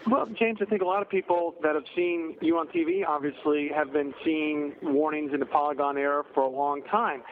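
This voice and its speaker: Phone-in guest: man with a higher voice, patient explainer, heard over a tinny phone line. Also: a little hiss or hum. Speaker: meteorologist in charge of a local weather office.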